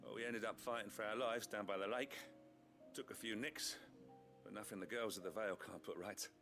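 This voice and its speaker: An actor playing a plain-spoken, reassuring soldier captain in a video game, steady and courteous. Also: male voice, lowish voice, brisk, soft background music. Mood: easygoing.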